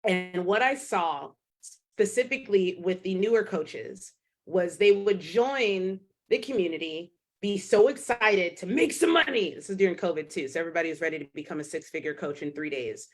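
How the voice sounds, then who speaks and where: A woman's voice: lively intonation, normal speed. Blunt, swearing woman podcast host. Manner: blunt, swears, acts out clients in a higher voice. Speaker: podcast host and fitness coach. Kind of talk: casual solo podcast monologue.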